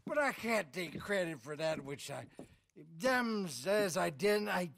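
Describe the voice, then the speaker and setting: An actor playing a drunk, boastful old gunslinger in a video game who blusters, curses and wallows. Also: male voice, high-pitched, sing-song, measured pace, vocal fry, a bit bright, slight background noise, exaggerated voice. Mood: raging. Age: older. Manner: slurring, blustering, cursing, self-pitying.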